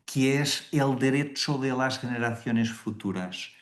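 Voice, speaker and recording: A Jesuit priest with a Portuguese accent gives an unhurried webinar presentation over a video call from indoors in Rome. His medium-pitched voice is slow and careful, pausing on fillers and restarting words, and it echoes off the room around him.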